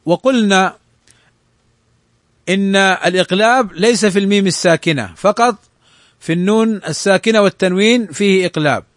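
A man teaching the rules of Quran recitation, explaining a text and slowly reciting examples to show each rule. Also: high voice, dry recording, studio quality. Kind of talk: tajweed lesson explaining a text.

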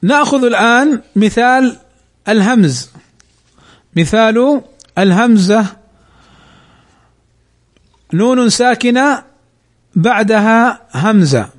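Slow high-voiced teacher. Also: male voice, animated. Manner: drawn-out recited examples, teacherly questions. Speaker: Quran recitation teacher. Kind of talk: slow Tajweed lesson.

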